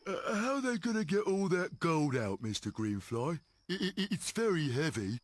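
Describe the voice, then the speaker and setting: Dim, high-pitched cartoon henchman. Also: big pitch swings, normal speed, dry recording. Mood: puzzled, anxious. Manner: hesitant, stammering. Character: dim, eager, childlike male villain's sidekick. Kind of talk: animated cartoon voice acting.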